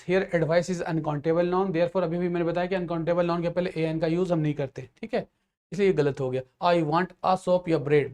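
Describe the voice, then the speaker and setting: A man's voice: on the high side, darkish tone. A man with an Indian accent teaching an English grammar lesson to exam students, explaining patiently and often checking that they follow.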